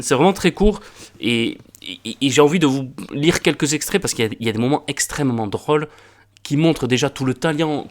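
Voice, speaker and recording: Un homme qui présente des pièces classiques dans une vidéo de lecture, sur un ton familier, en hésitant souvent et en se répétant, et qui s'amuse visiblement du texte. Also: male voice, medium pitch. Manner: hesitant, many fillers and repeated words; amused, enthusiastic about the comedy. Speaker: book reviewer and reader. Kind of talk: casual spoken literary commentary.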